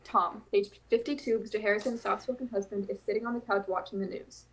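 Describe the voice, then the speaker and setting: A woman's voice: medium pitch, quick pace. Woman narrating scene directions. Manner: plain, even scene-setting. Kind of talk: scripted audio drama narration.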